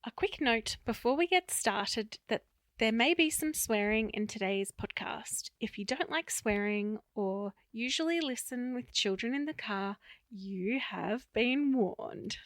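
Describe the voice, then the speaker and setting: A woman's voice: fairly high pitch, lively intonation, measured pace, fairly bright tone, dry recording, clean studio sound. A woman from Victoria, co-hosting a podcast in an upbeat, friendly way. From Victoria, Australia. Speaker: podcast co-host.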